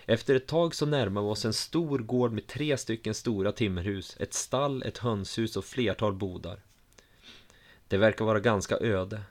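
A man reading a first-person adventure story aloud in a calm, measured way. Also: on the low side. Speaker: narrator. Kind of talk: first-person audiobook narration.

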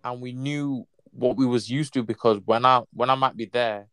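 A man's voice: medium pitch, fairly even intonation, normal speed, a bit bright, clear, resonant tone, no room sound. A young man with a London roadman accent and slang, chatting casually in a group. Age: young adult.

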